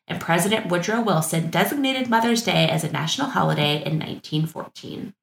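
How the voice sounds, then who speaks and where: A woman's voice: fairly low pitch, animated, brisk, creaky, roomy sound, rough recording. A woman co-hosting a podcast, reading facts from her notes in a casual chat and laughing easily. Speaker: podcast co-host.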